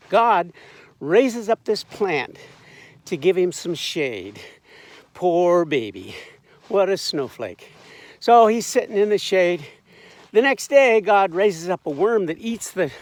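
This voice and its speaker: A man's voice: high voice, animated, slow pace, no echo. A man casually retelling a Bible story as a satire, irreverent and wry, with frequent asides and restarts. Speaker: informal Bible commentator.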